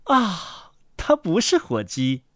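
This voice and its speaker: A bustling, proud mother duck fusses over her brood in a high, lively voice, as a man puts her on. She sounds bossy and doting at once, with a dry, close storybook sound. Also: takes it slowly, no room sound, heavily acted.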